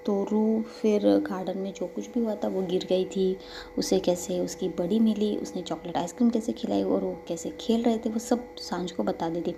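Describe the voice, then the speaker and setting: A woman's voice: medium pitch, steady tone, normal speed, gravelly, warm tone, a little hiss or hum. A woman narrating a love story in a casual, conversational storytelling way. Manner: conversational retelling, frequent "to ... kehti".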